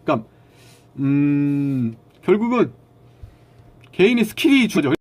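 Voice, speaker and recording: A man's voice: on the high side, sing-song, measured pace. A man talking casually to his live-stream viewers, lecturing them bluntly and arguing back at their comments.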